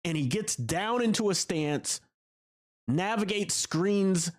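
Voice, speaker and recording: Guy hosting a hoops podcast, lively up and down voice, laughs easy. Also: sits high. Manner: animated, quick to laugh, talks in long runs. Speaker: basketball podcast host. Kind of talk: casual sports chat.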